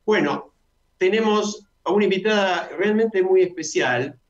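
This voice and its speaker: A man hosting a radio talk show, chatty, who announces details slowly and repeats them. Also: high voice. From Argentina. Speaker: radio host. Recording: dull lo-fi radio sound.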